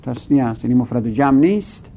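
A man's voice: lively intonation, warm tone. A man teaching a grammar lesson, asking and answering his own questions and drawing out his words. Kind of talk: grammar lesson, explaining step by step. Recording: gravelly voice on a tinny phone-like line with faint rumble.

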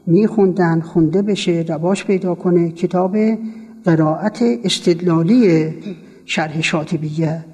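A man's voice: a little high, mellow, breathy edge. A man teaching a seminary class, quizzing his students and repeating word forms for them to copy. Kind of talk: classroom lecture on Arabic grammar. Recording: long reverb from a hall.

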